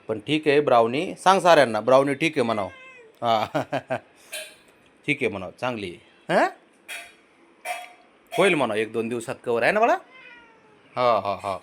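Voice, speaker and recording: A man's voice: medium pitch, sing-song, normal speed, pauses often, slight background noise. A man filming his pets, coaxing and questioning his cat in a sing-song baby-talk voice. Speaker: pet owner filming his cats. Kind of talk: casual pet vlog.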